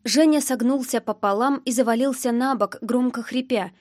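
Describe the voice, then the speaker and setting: A woman's voice: a little high, moderate pace, darkish tone, no room sound, clean studio sound. A woman narrating a first-person novel in a tense, emotional way. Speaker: audiobook narrator.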